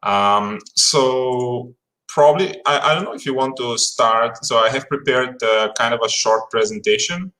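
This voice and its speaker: A man's voice: mid-range voice, a little slow, bright, forceful tone, low-quality recording. A man in his thirties from Bulgaria, a guest on a casual livestream talk, speaking politely with many fillers and restarts over a video call.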